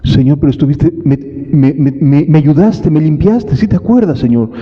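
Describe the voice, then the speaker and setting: A man voicing a desperate repentant believer begging the Lord to open the door, pleading in a high, urgent voice. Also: moderate pace, long reverb tail, dull audio, close to an everyday voice.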